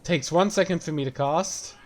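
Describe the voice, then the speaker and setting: A man's voice: fairly high pitch, moderate pace. A man casually explaining a game while playing it, rambling and swearing as he talks. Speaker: game streamer. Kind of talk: gameplay commentary.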